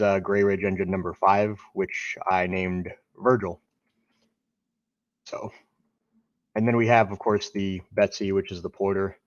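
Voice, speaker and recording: A man hosting a casual game stream, chatting in a halting, friendly way with lots of fillers. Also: low voice, no echo, lo-fi sound. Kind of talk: casual gameplay chat.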